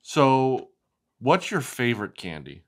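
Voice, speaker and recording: A low-voiced woman leads a children's storytime slowly, her reading hugely animated, sing-song, and expressive. Throughout, she turns to a child to chat and ask questions.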